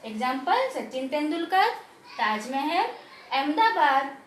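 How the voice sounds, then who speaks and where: A woman teaching young pupils a grammar lesson, dictating definitions slowly and asking questions she answers herself. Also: high-pitched, big pitch swings, roomy sound, slight background noise.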